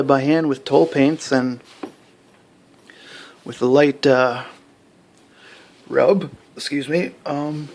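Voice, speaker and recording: A man's voice: mid-range voice, slight background noise. A man, a hobby lock picker, casually showing his collection to camera at home, rambling with lots of fillers and restarts. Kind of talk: casual show-and-tell.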